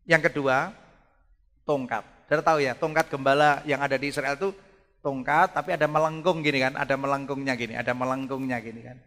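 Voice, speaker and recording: A man in his fifties with a Javanese accent, preaching a sermon as pastor in a church hall. He swings from soft asides to loud, emphatic exclamations. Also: mid-range voice. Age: 50s. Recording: long hall reverb.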